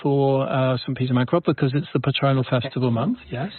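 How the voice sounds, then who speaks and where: A clergyman hosting a radio chat, talking gently and hesitantly with many pauses and restarts. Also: medium pitch, breathy edge, dry recording. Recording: narrow phone-like radio sound.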